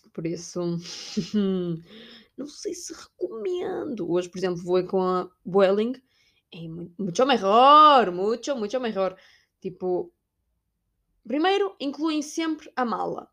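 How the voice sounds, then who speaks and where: A young woman with a European Portuguese accent, chatting casually about a trip and imitating people along the way. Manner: chatty, animated, imitates shouting staff in high voice. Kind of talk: casual storytelling vlog.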